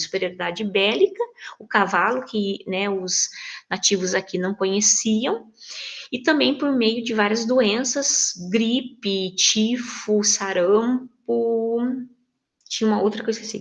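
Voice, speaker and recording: Gravelly-voiced woman teaching history, halting. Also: medium pitch. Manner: hesitant, many fillers and self-corrections. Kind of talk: recorded lecture over slides.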